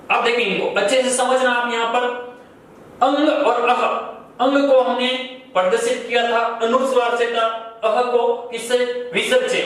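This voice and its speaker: A man's voice: sits high, fairly bright tone. A man teaching a grammar class, who asks questions and answers them himself, repeating key terms. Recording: very echoey room, far from mic, faint noise.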